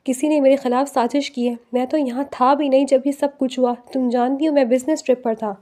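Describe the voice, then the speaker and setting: A woman's voice: high-pitched, fairly even intonation, dark tone, natural voice. Woman voicing a pleading young husband. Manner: pleading, urgent.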